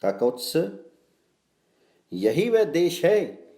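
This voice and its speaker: A man narrating devotional scripture in measured, solemn recitation. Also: a little high, very animated, warm tone, roomy sound. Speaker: scripture reader.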